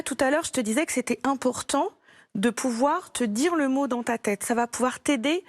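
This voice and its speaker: A French woman teaching a primary school spelling lesson, speaking slowly and clearly, patient and encouraging as she repeats each word for a young pupil. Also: fairly high pitch, no room sound. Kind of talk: slow, clear classroom instruction to a child.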